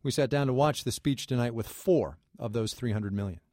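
A man hosting a radio news program, asking a panel of guests questions in a measured, conversational way. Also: mid-range voice, darkish tone, no room sound, studio quality. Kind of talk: broadcast panel interview.

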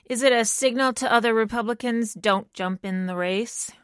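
A woman's voice: a little high, moderate pace, smooth, dry recording, studio quality. A woman hosting a radio interview, asking short, direct questions of a political guest.

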